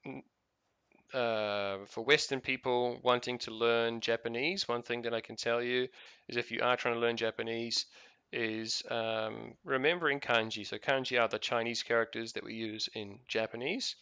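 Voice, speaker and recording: A man's voice: medium pitch, steady tone, normal speed, bright, forceful tone, clean tone, no echo, lo-fi sound. A man with a New Zealand accent chatting casually while playing a game, rambling with lots of fillers and restarts. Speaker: gaming video host.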